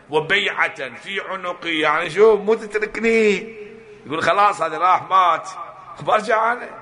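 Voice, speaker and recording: A man's voice: on the high side, sharp tone. A man giving a religious lecture, emphatic, often asking and then answering his own rhetorical questions. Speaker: preacher.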